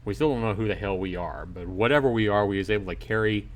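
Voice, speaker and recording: On his livestream, a gamer reads a visual novel to chat and mixes in casual commentary, speaking quickly with a fairly low voice. His tone with viewers is informal and joking.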